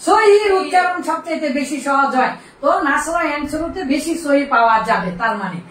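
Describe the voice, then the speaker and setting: Brisk and animated, a woman with a high-pitched, somewhat bright voice runs an Arabic grammar lesson, quizzing the class and repeating key terms. It's recorded in an echoey room from a distant mic, with faint noise.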